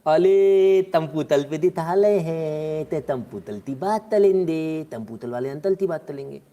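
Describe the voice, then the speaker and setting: A man's voice: mid-range voice, lively intonation, quick pace, creaky, warm tone, lo-fi sound. A man putting on a lisping, childish baby-talk voice. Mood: mocking singsong.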